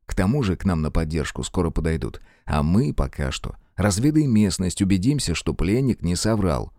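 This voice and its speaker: A man's voice: sits low, big pitch swings, moderate pace, warm tone, no room sound, clean studio sound. A man voicing a tough squad commander who taunts and interrogates a prisoner bluntly. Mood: grim. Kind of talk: audiobook character voice.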